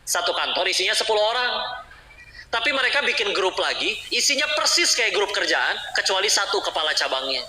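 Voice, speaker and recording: A man's voice: high-pitched, big pitch swings, a little fast, bright, forceful tone. A man preaching a humorous sermon, teasing his audience with questions. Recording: roomy hall with clear background noise.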